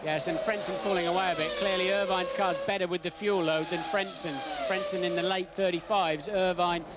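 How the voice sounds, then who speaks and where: A man's voice: high voice, steady tone, brisk. A man giving expert analysis in live motor racing commentary, explaining car behaviour and lap times, heard from a worn VHS tape copy. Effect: worn VHS tape copy of a TV broadcast. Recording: muffled, hissy worn videotape.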